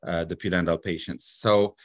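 Polish-accented surgeon on a video call, deep voice, dry sound, halting with fillers. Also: male voice, fairly even intonation, dry recording. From Poland. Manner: earnest, halting with many fillers and restarts. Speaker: surgeon guest. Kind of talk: live video interview. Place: office with a poster behind him. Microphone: webcam on a video call.

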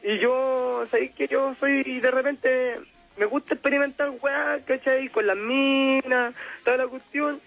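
Un hombre con acento chileno que llama a la radio y cuenta una historia personal con mucha jerga, divagando y riéndose seguido. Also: male voice, very high-pitched, steady tone, measured pace, gravelly, fairly bright tone, lo-fi sound, soft background music. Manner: slangy, rambling, laughs often. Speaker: caller. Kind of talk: telling a personal story on call-in radio.

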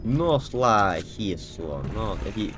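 A young man playing a video game and commenting casually, excitable and profane, trash-talking the enemies. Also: on the low side, very slow, over music. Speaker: gaming YouTuber.

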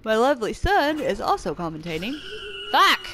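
A woman's voice: fairly high pitch, very animated, slow, background noise. Sarcastic, swearing woman gamer. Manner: self-mocking, swears often, sarcastic. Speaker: gamer playing a horror game. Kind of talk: casual let's play commentary. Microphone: desk microphone.

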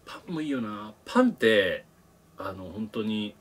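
A man's voice: on the low side, big pitch swings, moderate pace, breathy edge. A young man chatting casually over food in polite, agreeable speech, picked up by a camera in a small kitchen. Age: young adult. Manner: polite junior-to-senior speech, agreeable backchannels. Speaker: co-host. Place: small cluttered kitchen, indoors.

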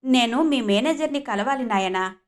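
A woman voicing a polite, poor-looking old man who speaks gently and patiently. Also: a little high, lively intonation, moderate pace, lightly acted. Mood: calm.

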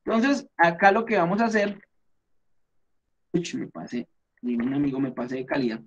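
Male teacher, Colombian accent, higher voice, patient explainer who keeps checking in. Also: sing-song, moderate pace, muffled recording. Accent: Colombian Spanish. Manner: patient step-by-step explaining, frequent fillers and check-ins. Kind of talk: explaining a class lesson.

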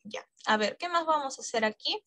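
High-voiced teacher, dry sound. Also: female voice, animated, brisk, sharp tone, no room sound. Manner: coaxing, checks in with frequent questions. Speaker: English teacher. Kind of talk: online exam-prep class.

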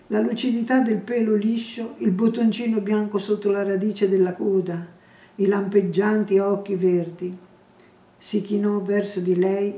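A woman reading a novel aloud in a measured, unhurried way, lingering on each phrase. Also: mid-range voice, warm tone. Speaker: reader. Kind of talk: slow literary reading aloud. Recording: roomy echo, distant mic.

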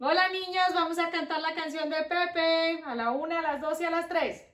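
A woman teaching Spanish to preschool children, slow and patient, repeating each word in two languages. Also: very high voice, steady tone, music in the background.

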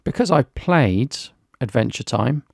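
Man, gravelly voice, dry close sound, relaxed step-by-step software review. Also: mid-range voice, a little slow, no echo. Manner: relaxed, explains each click as he goes. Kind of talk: screen-recorded software walkthrough.

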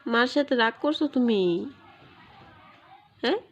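A woman's voice: a little high, expressive, takes it slowly. A mother with a coaxes her toddler at home, repeating short sing-song prompts into a phone camera. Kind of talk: casual home vlog, coaxing baby talk.

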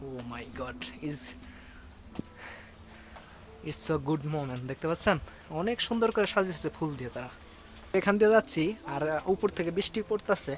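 A man's voice: on the high side, expressive, fairly quick. A young man from Bangladesh with a Bangladeshi Bengali accent, chatting repetitively to his viewers as a travel vlogger outdoors on a hilltop, filmed on a handheld phone. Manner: chatty, repetitive, keeps addressing viewers as guys. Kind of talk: casual travel vlog narration. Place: outdoors on a hilltop site, in the rain. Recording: noisy outdoor phone recording.

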